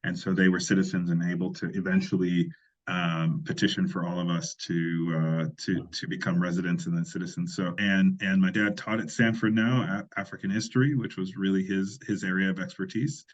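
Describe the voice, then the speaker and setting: Low and level in tone, his delivery is brisk, though the audio sounds dull. The speaker, a Liberian man in his forties, chats casually as a podcast guest about his life, reflective and self-mocking, repeatedly restarting sentences.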